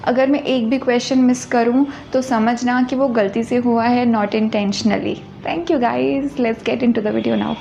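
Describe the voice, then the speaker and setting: A woman's voice: a little high, steady tone, slow, creaky, hardly any pauses, mellow, dull audio, slight background noise. A woman, chatting casually in a birthday Q&A vlog and mixing Hindi with English, self-deprecating and talkative. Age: 20s. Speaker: YouTuber answering viewer questions.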